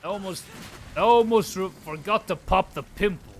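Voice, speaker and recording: Slangy and informal, a late-twenties man chats with viewers while hosting a relaxed gaming livestream. His voice is high and moves at normal speed, with a little hiss or hum in the recording.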